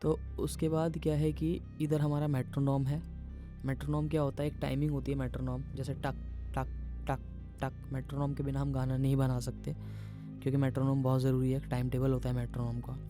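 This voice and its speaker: A man teaching beginners music production software in a casual, explanatory way, often calling the viewers "guys". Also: medium pitch, monotone, quick pace. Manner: casual explanatory, addresses viewers as guys, mixes English terms into Hindi. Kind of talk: screen-recorded software tutorial. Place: home music studio.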